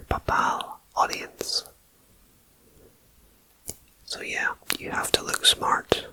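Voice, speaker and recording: An ASMR host whispering a list of facts in a slow, soft voice and adding chatty personal asides, recorded on a binaural ear-to-ear microphone. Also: very high voice, poor audio. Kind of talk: whispered ASMR fact reading.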